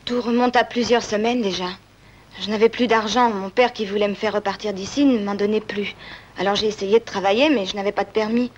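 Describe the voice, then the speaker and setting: An actress playing a defiant, evasive young runaway daughter in a 1970s film drama. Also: female voice, mid-range voice, fairly even intonation, fairly quick, darkish tone, dull audio, close to an everyday voice. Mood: confessing, earnest. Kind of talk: 1970s French-language film drama acting. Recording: faintly noisy old film soundtrack.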